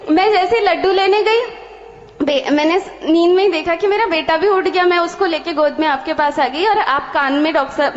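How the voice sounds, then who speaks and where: A woman with a high voice tells a personal testimony to a spiritual leader, acting out the exchanges in animated detail. Her voice rings through a large hall with a long echo. The sound is a little dull and muffled. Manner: animated storytelling with many quoted exchanges. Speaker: devotee sharing a testimony.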